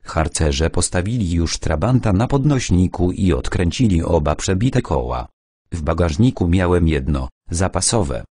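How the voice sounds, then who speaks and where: Brief: male audiobook reader, very low and dark, husky, lively intonation, dry close sound. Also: moderate pace, dry recording. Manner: steady storytelling. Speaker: audiobook narrator. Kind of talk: first-person audiobook narration.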